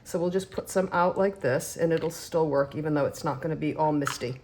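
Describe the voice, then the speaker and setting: A woman talks through a stamping demonstration in a relaxed, chatty way. Her voice sits a little low, and she pokes fun at herself as she goes. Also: fairly quick, slight background noise. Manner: chatty, self-deprecating, talks while working. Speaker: craft demonstrator. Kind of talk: casual craft tutorial.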